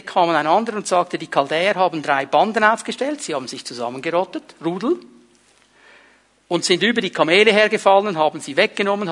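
A middle-aged pastor delivers a sermon in a notably high, ringing voice. He presses his points with emphasis and keeps turning to the congregation with rhetorical questions. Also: a bit bright.

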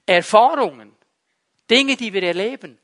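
High-voiced preacher, emphatic and repetitive. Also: male voice, measured pace, fairly bright tone. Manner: emphatic, repetitive, addresses listeners directly. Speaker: pastor. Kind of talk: sermon.

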